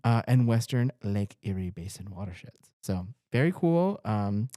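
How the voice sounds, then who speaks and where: A man's voice: on the low side, sing-song, a little slow, warm tone, no echo, studio quality. A young man reporting farm news in a casual, jokey rundown, stumbling over place names now and then.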